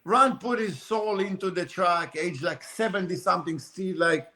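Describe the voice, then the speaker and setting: On a casual podcast, a guest who races RC cars tells racing stories in a high, bright, forceful voice. He rambles loosely at a normal speed, stacking fillers like "you know" and "like." The conversation is animated and unpolished.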